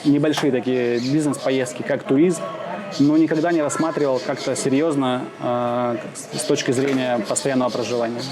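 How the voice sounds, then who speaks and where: A man from Siberia being interviewed outdoors in the shade, answering slowly with many pauses, fillers and restarts. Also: medium pitch, steady tone. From Russia (Siberia). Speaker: interviewee, expat businessman. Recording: outdoor crowd noise behind.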